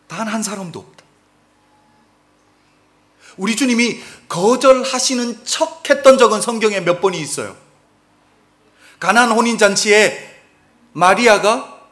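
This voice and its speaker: A man preaching a sermon as pastor, asking his congregation questions and swinging between loud outbursts and quiet asides. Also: sits high. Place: church sanctuary.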